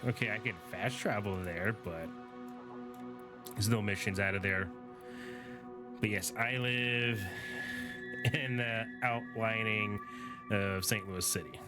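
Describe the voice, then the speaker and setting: A tired young gaming streamer, yawning, casually comments on his game and thinks aloud with fillers as he goes. His lowish voice has fairly even intonation, moves slowly, and includes long pauses, with game music playing behind him.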